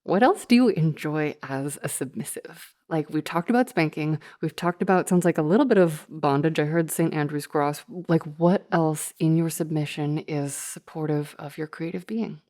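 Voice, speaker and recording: A woman hosting a podcast chats casually with her guest, laughing often and agreeing quickly. Her voice sits a little low for a woman. She asks her questions in a loose, conversational way. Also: a little mellow. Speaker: podcast host. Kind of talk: casual interview chat.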